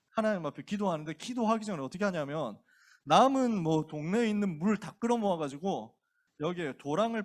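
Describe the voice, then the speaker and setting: Male pastor telling a bible story to teens, super casual, acts out every character, voice high and all over the place. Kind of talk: youth sermon, casual storytelling.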